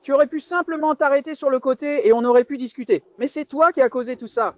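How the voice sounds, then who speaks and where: A man's voice: very high-pitched, fairly even intonation, quick pace, darkish tone, no echo. A man as a police officer, dubbing bodycam dialogue, giving firm commanding instructions.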